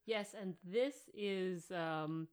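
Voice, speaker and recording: A woman's voice: on the low side, very slow, darkish tone, clean tone. Chatty woman co-hosting a book podcast. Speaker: podcast co-host. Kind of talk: casual book discussion.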